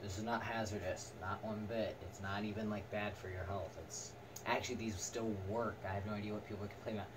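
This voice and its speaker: A young man giving a casual, halting, unscripted product review in short fragments. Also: on the low side, steady tone. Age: teens to young adult. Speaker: video reviewer. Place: small attic room indoors. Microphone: camera a few metres away. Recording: distant camera mic, noisy room.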